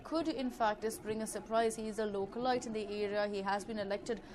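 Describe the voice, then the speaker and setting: A woman with an Indian English accent gives live news commentary as a TV reporter, improvising with frequent hesitant, drawn-out pauses. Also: medium pitch, a crowd in the background. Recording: clearly noisy live broadcast ambience.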